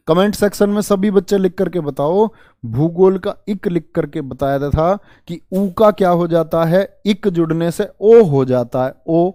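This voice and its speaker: A man's voice: sits high, mellow, dry recording, clean studio sound. A male Hindi teacher giving an online exam-prep lesson, drilling spellings with repeated questions and playfully scolding his students.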